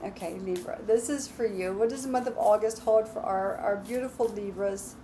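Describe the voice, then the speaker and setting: A woman reading tarot cards alone, talking in a slow, soothing, reassuring way. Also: medium pitch, background noise. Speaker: tarot reader. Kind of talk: relaxed solo tarot reading.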